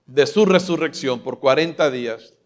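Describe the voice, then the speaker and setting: A man's voice: mid-range voice, moderate pace. A man preaching a live Sunday sermon from a church stage, emphatic and rousing, calling out questions for the congregation to answer. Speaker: pastor. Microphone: filmed from a stage mic.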